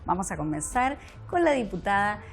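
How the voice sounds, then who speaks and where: A woman's voice: mid-range voice, very animated, normal speed, soft background music. A woman hosting an institutional interview show, introducing her guest and asking questions with lots of affirming replies. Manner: affirming, with frequent backchannel "claro". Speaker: interviewer, host. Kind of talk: broadcast interview.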